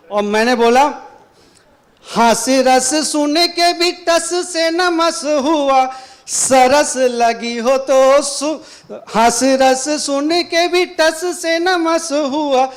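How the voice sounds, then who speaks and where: A man with a strikingly high voice recites comic verse on a college stage. He lingers over each line and repeats phrases for effect, at a deliberate, unhurried pace. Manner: declaims verses slowly, repeating lines for effect. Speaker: poetry contestant. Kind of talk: humorous poetry recitation. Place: college auditorium.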